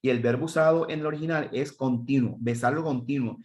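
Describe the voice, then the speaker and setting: This man teaches a seminar for pastors in a mid-range, slightly dark voice with a Puerto Rican Spanish accent; he's from Puerto Rico. He talks a little fast and emphatically, counting off points and putting questions to his audience.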